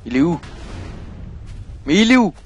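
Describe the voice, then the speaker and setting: Excitable French gamer narrating play. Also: male voice, high-pitched, a little slow, faint music behind. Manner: excitable, swings from mumbling to loud outbursts. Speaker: gaming YouTuber. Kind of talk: let's play commentary.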